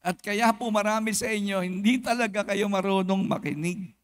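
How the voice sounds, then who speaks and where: A man with a Filipino accent, a pastor preaching an animated sermon at a church service and acting out quick comic exchanges. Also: high voice.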